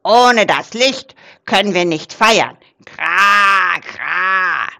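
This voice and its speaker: A woman voicing an excited, bossy male raven who croaks between his words in a storybook reading. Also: mid-range voice, drawn-out words, exaggerated voice. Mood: agitated.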